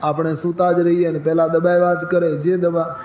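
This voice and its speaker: An animated preacher tells devotional stories emphatically and slows down to chant verses. His fairly high voice echoes in a roomy space, sounding muffled, with faint ambience behind. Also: a little hiss or hum. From Saurashtra, India. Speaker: preacher, katha storyteller. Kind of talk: devotional storytelling sermon.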